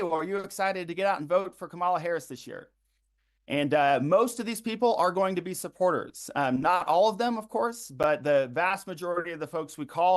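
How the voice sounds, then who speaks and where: Upbeat man briefing volunteers, fairly high voice. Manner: frequent ums and uhs, repeats web addresses slowly. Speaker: campaign organizer leading a phone bank livestream.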